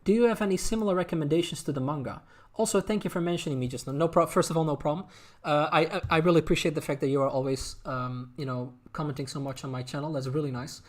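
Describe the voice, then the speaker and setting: Speaking with a slightly high voice and a Dutch accent, this anime streamer chats easily with his audience, though his answers to their questions come out halting, with words repeated as he works through his thoughts.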